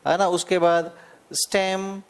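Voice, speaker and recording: Male teacher, high voice, slow drawn-out explaining for an exam-prep lesson, repeats key words. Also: level tone, clear, resonant tone. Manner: explains slowly, drawing out key words and repeating them, checking in with "है ना?". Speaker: English teacher.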